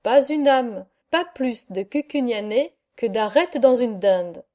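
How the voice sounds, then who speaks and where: Saint Peter, an elderly keeper of heaven's gate, talks in an unhurried, fatherly way, as a woman narrator puts him on. It is a high voice with a soft, mellow tone, and it takes its time over each phrase of the storybook. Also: expressive. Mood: musing. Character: Saint Peter, kindly old gatekeeper of heaven.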